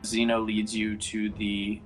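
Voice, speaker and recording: Male game master, lowish voice, improvised conversational fantasy narration. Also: completely flat delivery, slow, faint music behind. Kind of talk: narrating a tabletop role-playing game.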